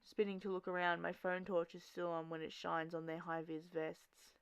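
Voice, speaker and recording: A woman voicing a gravelly teen girl. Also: fairly low pitch, completely flat delivery, moderate pace, no room sound, natural voice. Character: troubled teenage girl graffiti artist, restless. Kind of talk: first-person audio drama narration.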